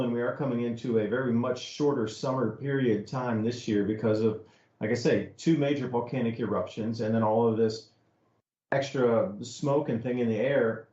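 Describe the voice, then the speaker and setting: A man's voice: medium pitch, darkish tone. A man co-hosting a podcast, explaining things in a loose, talkative way with many fillers. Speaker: podcast co-host. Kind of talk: casual commentary. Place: home studio in East Tennessee. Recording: roomy, slightly muffled audio.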